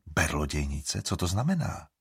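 A man's voice: deep voice, big pitch swings, breathy edge, no room sound, studio quality, heavily acted. A man voicing a stern, threatening old village herb woman in an audiobook.

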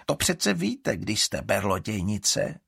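A man's voice: lowish voice, sing-song, gravelly, fairly bright tone, slightly rough, no echo, studio quality, full character voice. A man voicing a sly, scheming young girl in an audiobook, wheedling and then scornful. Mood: explaining.

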